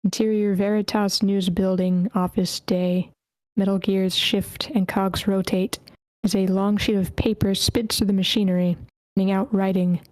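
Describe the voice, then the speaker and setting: A woman reads scene directions aloud at a script table read, at a steady pace. She sometimes trips over character names. Her voice sits at a middle pitch and stays flat and even, recorded close and dry. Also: normal speed, dry recording. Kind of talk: reading screenplay action lines aloud. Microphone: computer mic in an online meeting.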